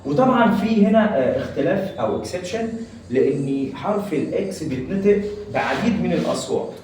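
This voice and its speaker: A man with an Egyptian Arabic accent teaching English letter sounds, saying each sound slowly and repeating it twice. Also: sits high, lively intonation, a little mellow, recorded from a distance, a little hiss or hum. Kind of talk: phonics lesson. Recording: very echoey room, away from mic.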